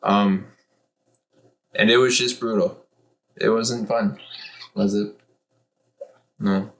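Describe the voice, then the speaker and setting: A man's voice: lowish voice, fairly even intonation, slow pace. A man chatting casually for a vlog, with a wry, rambling way of talking. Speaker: vlogger. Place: inside a tent.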